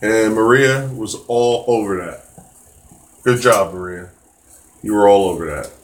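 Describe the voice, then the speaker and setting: A man's voice: fairly low pitch, a little slow. A man teaching a live-streamed test prep math lesson, casual and encouraging, with many fillers and restarts.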